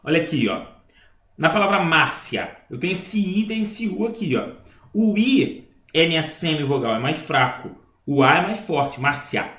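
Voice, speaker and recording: A man's voice: fairly high pitch, big pitch swings, normal speed, a bit bright. A man teaching a grammar lesson, explaining step by step and checking in with his listeners. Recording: echoey room, dull lo-fi sound.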